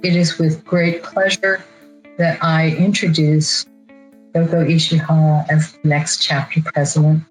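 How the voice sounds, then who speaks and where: A woman presenting at an awards ceremony, giving a formal introduction of the next chapter president with measured, deliberate phrasing. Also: sits low, flat delivery, soft background music, low-quality recording.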